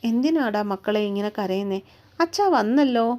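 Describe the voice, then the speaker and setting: A woman voicing a gentle young father in a storybook reading, coaxing and concerned. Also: mid-range voice, lively intonation, normal speed, lightly acted. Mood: tender. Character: young father, tender and anxious.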